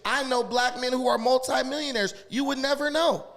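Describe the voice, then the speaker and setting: High-voiced blunt man ranting. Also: fairly even intonation, brisk, fairly bright tone. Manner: blunt, crude, insistent. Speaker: podcast guest. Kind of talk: heated casual talk.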